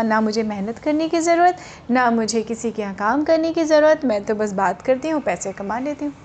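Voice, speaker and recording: ऊँची आवाज़ वाली कहानी सुनाने वाली महिला. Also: female voice, sits high, a little mellow, a little hiss or hum. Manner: chatty, with asides to the children. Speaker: storyteller for children. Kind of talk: storytelling narration.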